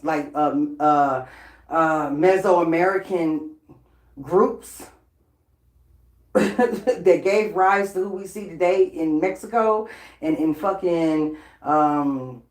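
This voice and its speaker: A woman with a voice on the lower side rants casually to the camera. She talks bluntly and profanely, with a shady edge and laughs between lines. Her voice rings in a roomy, echoey room. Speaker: vlogger. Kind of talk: casual unscripted rant.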